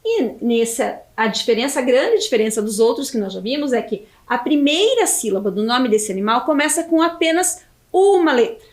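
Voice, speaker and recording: A Brazilian Portuguese woman teaches young children in a video lesson. Her voice sits high and swoops up and down a lot, and she draws words out syllable by syllable. It sounds like a roomy, echoey space. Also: expressive. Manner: slow, stretched syllables when spelling out words. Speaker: primary school teacher.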